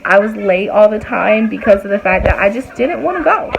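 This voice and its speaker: A woman's voice: medium pitch, expressive, fairly quick, vocal fry, background noise. A young woman vlogger telling a personal story in a casual, rambling way, full of fillers and acted quotes.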